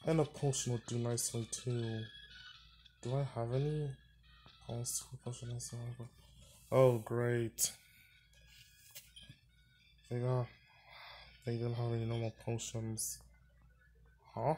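A gaming channel host gives casual let's-play commentary, thinking aloud, muttering and sighing as he plays. His mid-range voice is warm but flat, moving slowly with frequent pauses. Faint game music plays behind him.

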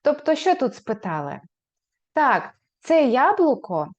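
A woman teaching a beginners' language lesson, modeling phrases slowly and raising her pitch on questions. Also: sing-song. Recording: slightly dull, lo-fi recording.

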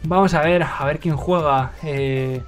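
On his livestream, a Madrid native with a Spain Spanish accent calls a mobile game match in excited play-by-play, using many fillers. The young man's voice is on the high side and measured in pace, with soft music in the background.

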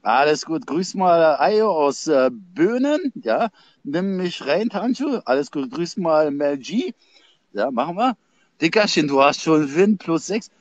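Man, Berlin accent, livestream host, slangy and rambling, bouncy animated pitch. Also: unhurried, no room sound, muffled recording. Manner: slangy, rambling, calls everyone Dicker. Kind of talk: casual livestream chat with shout-outs.

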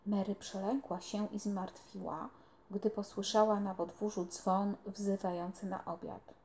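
A woman reading a children's novel aloud in a calm, unhurried way. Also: medium pitch, a little hiss or hum. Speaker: storyteller.

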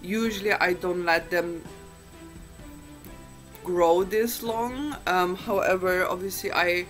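A woman's voice: fairly low pitch, slow pace, fairly bright tone, faint music behind, low-quality recording. A woman chatting casually to camera as a beauty vlogger, in a groggy just-woken-up morning voice and a chatty, self-deprecating way.

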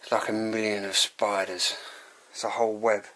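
A man's voice: on the low side, level tone, moderate pace, fairly bright tone. A young man giving a casual walk-through commentary to viewers while exploring. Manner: chatty, addresses viewers as guys. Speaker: urban explorer vlogger. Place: cluttered abandoned house indoors. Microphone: handheld or body camera. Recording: noisy handheld camera audio.

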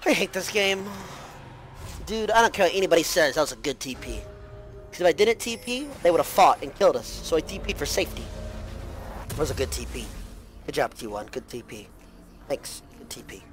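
A male live game streamer talking to his chat while he plays, profane and quick to burst into shouting. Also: fairly high pitch, lively intonation, faint music behind. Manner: loud, profane, erupts into shouting. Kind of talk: gaming livestream talk.

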